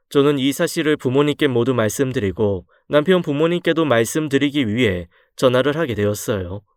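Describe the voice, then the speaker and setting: A man reading a first-person story aloud in an expressive, earnest storytelling manner. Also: medium pitch, clean tone, dry recording, studio quality. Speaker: story reader.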